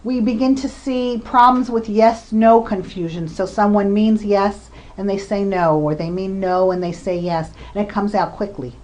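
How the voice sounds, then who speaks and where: Woman giving a clear explanatory lecture. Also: medium pitch, fairly even intonation, normal speed, hardly any pauses, darkish tone. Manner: explanatory, gives examples with occasional fillers. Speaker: researcher lecturing on communication disorders. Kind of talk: recorded lecture presentation.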